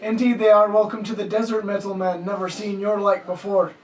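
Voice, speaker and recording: Gruff, hearty Scottish dragon barkeep, a man doing the voice, pitched a little high. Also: level tone, brisk, faint music behind, lightly acted. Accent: put-on Scottish. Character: gruff male Dragonborn bartender. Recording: echoey room, mic far off.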